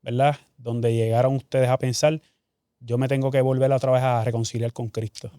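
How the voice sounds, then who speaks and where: A pastor hosting a church interview in a dry, close room, with a mellow, warm, mid-pitched voice. He speaks like a preacher, weaving in scripture and often checking in with "¿verdad?". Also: little pitch movement, moderate pace, clear, resonant tone, dry recording. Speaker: pastor host.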